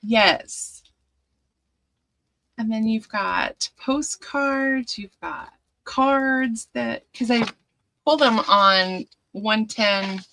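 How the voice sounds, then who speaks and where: Slow, bright-voiced woman chatting. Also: a little high, gravelly, rough recording. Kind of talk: casual craft chat.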